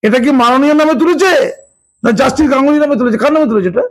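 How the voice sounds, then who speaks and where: A man's voice: extremely high pitch, quick pace. A man, giving an emphatic, sarcastic political interview and repeating his points. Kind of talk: heated political interview talk.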